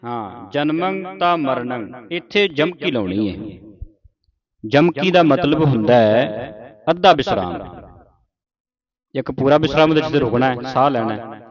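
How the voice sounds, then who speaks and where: A man teaching the pronunciation of scripture, reciting verses slowly syllable by syllable and explaining where to pause. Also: mid-range voice, animated. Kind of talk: recitation lesson. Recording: dull lo-fi with crowd behind.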